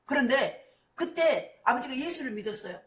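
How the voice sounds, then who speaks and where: A middle-aged woman pastor preaching a sermon, moving between hushed storytelling and shouted declarations. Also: high voice, animated, moderate pace. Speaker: senior pastor. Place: church sanctuary. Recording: echoey church hall.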